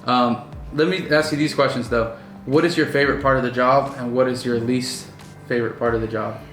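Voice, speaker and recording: With faint music behind him, a young business owner in his twenties chats casually on his vlog indoors at night, talking loosely with lots of fillers and restarts. His medium-pitched, slightly bright voice is fairly even and a little fast, with a roomy sound.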